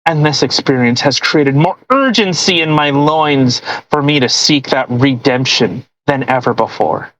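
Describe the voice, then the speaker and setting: On a rough recording, a podcast co-host reads a post aloud and mocks it casually, sarcastic and quick to swear and cut in. The voice is mid-range and a bit bright.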